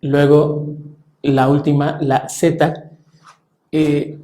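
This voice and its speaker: Male language teacher, mellow, halting delivery, roomy echo. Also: on the high side, level tone. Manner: measured, halting with frequent fillers. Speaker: French teacher. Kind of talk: explaining pronunciation to a class.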